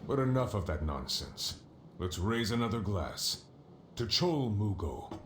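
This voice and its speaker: Gruff, deep-voiced old sea dog. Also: male voice, big pitch swings, measured pace, fairly bright tone, echoey room, a little hiss or hum. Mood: wistful. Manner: salty, world-weary seafarer's talk. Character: gruff old male sea captain, hard-drinking, wistful. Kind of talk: video game character dialogue.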